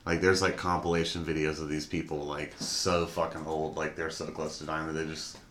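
A man's voice: rumbling low, flat delivery, fairly quick, fairly bright tone, a little hiss or hum. A man co-hosting a podcast in casual chat, laid-back and filler-heavy. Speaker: podcast co-host. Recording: roomy echo.

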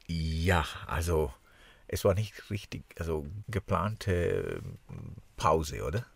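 A man with a foreign accent in German, chatting haltingly on a podcast in a congested, nasal voice, as if with a broken nose. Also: rumbling low, sing-song, vocal fry, breathy edge, no echo. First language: not German. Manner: halting, searching for words. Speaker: podcast co-host. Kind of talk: casual podcast chat. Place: small camper van used as studio.

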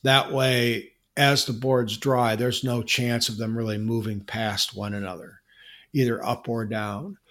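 In a casual podcast conversation, a male co-host responds to a listener's question at a measured pace. His mid-range voice stays relaxed as he explains, with many restarts along the way.

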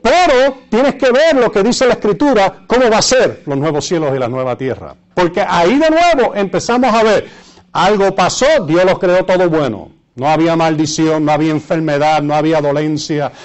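A man with a Puerto Rican Spanish accent preaching and reading scripture, repeating phrases for emphasis and pausing to search for words. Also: sits high, lively intonation, muffled recording. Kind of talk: sermon with Bible readings and asides to listeners.

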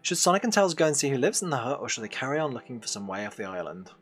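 A man's voice: medium pitch, sing-song, rapid-fire. A man hosting a podcast, reading an adventure game book aloud as game master, with hesitant, filler-heavy asides between passages.

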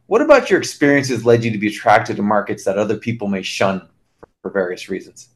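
A man's voice: fairly low pitch, expressive, a little fast. A man hosting a podcast, asking questions in a curious, slightly hesitant way. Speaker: podcast host. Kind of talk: interview questions.

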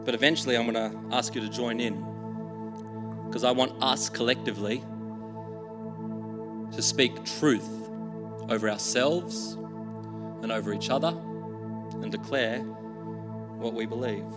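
With acoustic guitar in the background, a man pastoring a church addresses his congregation in a large hall before they sing a creed. Mid-range in pitch, he speaks at a measured pace with long pauses, chatty and self-deprecating as he jokes about his singing.

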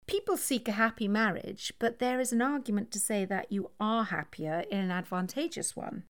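A woman's voice: medium pitch, normal speed, natural voice. A woman reading the part of a poised, coolly provocative upper-class young woman in an audiobook. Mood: coolly teasing.

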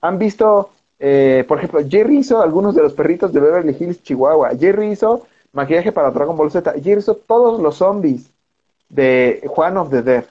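A man's voice: fairly high pitch, animated, moderate pace, slightly rough, dull audio. A man with a Mexican accent, a film director guest, telling a long anecdote in casual slang and acting out the voices of the people in it. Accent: Mexican Spanish. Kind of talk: animated storytelling anecdote.

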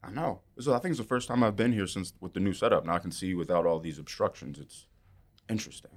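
A man's voice: deep voice, fast talker, a little mellow. A man co-hosting a podcast with casual, joking banter in a laid-back manner. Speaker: podcast co-host.

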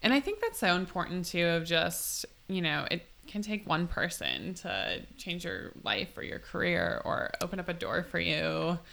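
A woman in her twenties hosts a casual interview chat, her speech full of likes and quick agreement. Her slightly low voice moves lively up and down, bright with a gravelly edge. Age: 20s. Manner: chatty, lots of filler likes and agreeing. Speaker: podcast host.

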